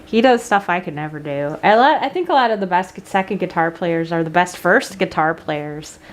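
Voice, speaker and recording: A woman's voice: lowish voice, animated, brisk. A woman musician chatting casually between songs, teasing her partner with dry, joking remarks. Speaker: musician hosting a live stream. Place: San Francisco home.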